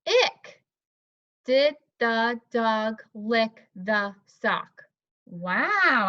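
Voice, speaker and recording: A woman teacher demonstrating a phonics lesson to an imagined student, encouraging and modeling words slowly. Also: a little high, a bit bright, no echo. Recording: slightly dull, dry recording.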